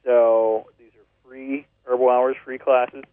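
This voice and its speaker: A man's voice: mid-range voice, flat delivery, slow. A man co-hosting a radio show, plainly announcing class times, a phone number and specials. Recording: narrow dry phone-like radio audio.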